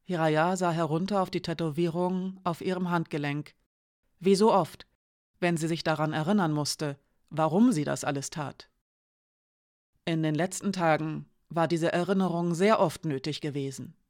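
A woman narrating a novel in a calm, measured reading voice. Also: low-pitched, dry recording, studio quality. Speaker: audiobook narrator. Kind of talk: scripted narration.

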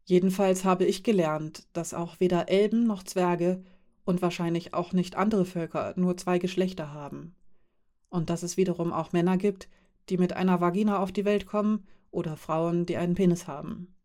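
A woman reading the lines of a calm, friendly man who is part elf and part dwarf, explaining things with quiet amusement. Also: lowish voice, moderate pace, natural voice.

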